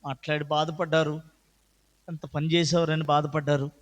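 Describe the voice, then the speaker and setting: A middle-aged man giving an earnest personal testimony at church, his voice swelling loud and high at moving moments. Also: little pitch movement, normal speed. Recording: echoey hall with long reverb.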